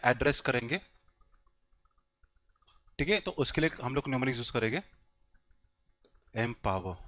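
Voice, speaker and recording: A man's voice: on the high side, fairly bright tone. A man giving a classroom lecture as a coaching teacher, mixing Hindi and English, quizzing the class and repeating key points. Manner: switches between Hindi and English mid-sentence.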